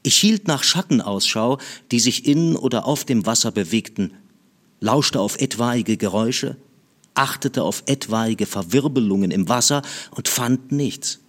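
A man reading a passage of literary prose aloud with steady, expressive narration. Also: medium pitch, unhurried. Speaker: reader.

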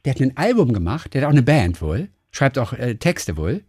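A man's voice: mid-range voice, very animated, moderate pace, a little mellow, husky. A man co-hosting a casual chat, rambling, reading facts aloud and correcting himself as he goes.

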